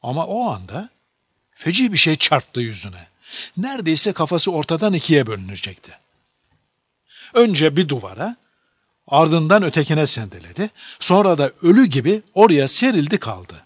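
A man narrating a children's storybook aloud in a lively, expressive reading. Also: a little high, moderate pace, husky, no room sound. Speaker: audiobook narrator. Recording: dull lo-fi dry recording.

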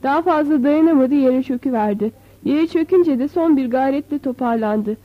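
Audiobook narrator, woman: high voice, measured and expressive, dry close sound. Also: no room sound. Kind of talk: audiobook novel reading. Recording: dull, slightly lo-fi.

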